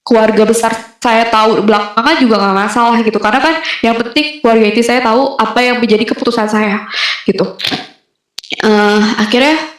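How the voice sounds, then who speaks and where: A young woman giving a casual personal testimony, pausing often with fillers as she talks. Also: a little high, steady tone. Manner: conversational with frequent fillers and hesitations. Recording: very echoey room.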